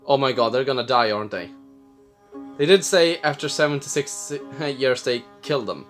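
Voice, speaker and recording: A drunk man from Sweden, giving rambling, halting and blurting casual commentary as he reacts to a film. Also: medium pitch, expressive, fairly bright tone. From Jämtland, Sweden. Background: film soundtrack, faint music.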